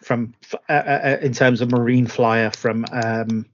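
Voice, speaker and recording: A man's voice: medium pitch, fairly even intonation, unhurried, slight background noise. A man hosting a casual podcast chat about tabletop miniatures, rambling and restarting his sentences. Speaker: podcast host. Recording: dull lo-fi sound.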